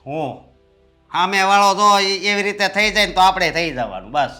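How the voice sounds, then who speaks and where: A man's voice: high voice, expressive, normal speed, bright, forceful tone, soft background music. A man playing an elder brother-in-law who lectures his rude sister-in-law sternly in rustic speech.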